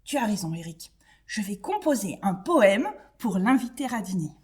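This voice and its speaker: A woman's voice: medium pitch, very animated, normal speed, darkish tone, slightly rough. A woman voicing Vladimir, a shy lovestruck beetle. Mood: dreamy. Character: shy, dreamy, lovestruck male dung beetle. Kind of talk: children's storybook reading.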